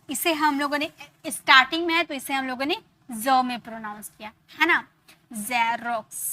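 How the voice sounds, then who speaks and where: Bright, high-voiced woman teaching English. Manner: explains step by step, repeats example words, checks in with "ok". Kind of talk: online grammar lesson.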